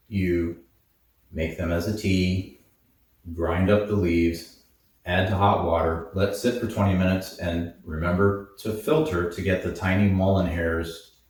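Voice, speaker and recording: A man with a very low voice gives a slow, deliberate herbal lesson. He sounds distant from the microphone. A heavy echo fills the recording. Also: a little mellow. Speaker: herbalist host. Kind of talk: instructional talk on herbs. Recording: very echoey, from far off the mic.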